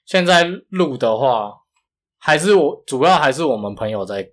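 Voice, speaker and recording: A man's voice: mid-range voice, normal speed. Man with a strong Taiwanese Mandarin accent. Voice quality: flat, non-retroflex consonants. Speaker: podcast co-host. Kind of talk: casual chat.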